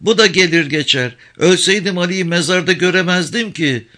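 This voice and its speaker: A man's voice: sits high, normal speed, sharp tone, pitched above the performer's own voice. A man reading aloud, voicing a worn-out, tearful old village mother with a plaintive lament. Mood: pleading.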